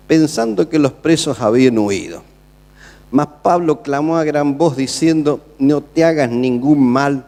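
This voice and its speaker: Argentine pastor preaching in a reverberant hall. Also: male voice, a little high, vocal fry. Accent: Argentine Spanish. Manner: dramatic, swings between loud calls and quiet asides. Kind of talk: sermon. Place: large church hall.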